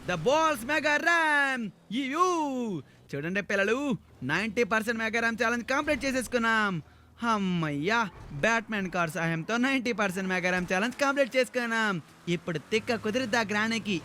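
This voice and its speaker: A man giving theatrical, excitable commentary on a game video aimed at children. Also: high voice, a little hiss or hum. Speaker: gaming video narrator.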